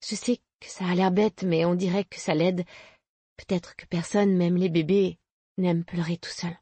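A woman voicing a protective, shaken young mother who talks softly and haltingly in an audiobook. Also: fairly low pitch, fairly even intonation, dry recording. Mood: tender.

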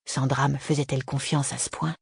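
Gravelly, husky audiobook narrator. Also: medium pitch, flat delivery, brisk, no room sound, studio quality. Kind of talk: first-person audiobook narration.

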